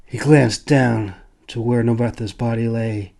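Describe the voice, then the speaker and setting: This author-narrator reads his fantasy audiobook in a creaky, mellow, mid-range voice, a little slow with fairly even intonation. His scripted delivery is solemn and theatrical, rising on the action scenes and sinking during somber moments.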